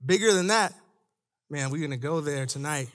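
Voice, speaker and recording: High-voiced man preaching casually. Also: normal speed, fairly bright tone. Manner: conversational, laughs at his own stories; rises into emphatic preaching cadence. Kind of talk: sermon to young adults.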